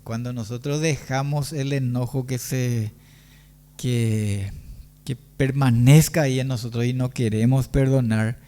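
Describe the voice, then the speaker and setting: A man with a Paraguayan Spanish accent preaching a Sunday sermon, pausing often and asking rhetorical questions of the congregation. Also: medium pitch, mellow. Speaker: pastor.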